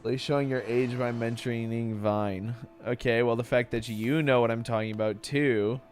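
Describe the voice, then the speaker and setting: A man's voice: mid-range voice, fairly even intonation, moderate pace, soft background music. Swearing young man streaming a game. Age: 20s. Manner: joking banter with chat, frequent swearing. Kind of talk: casual live gaming stream chat.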